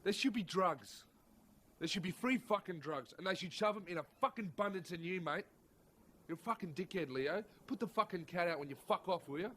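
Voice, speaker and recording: A man's voice: high voice, lively intonation, fairly quick, fairly bright tone, a little hiss or hum. An actor playing a fed-up, contemptuous man who swears as he speaks in a radio drama.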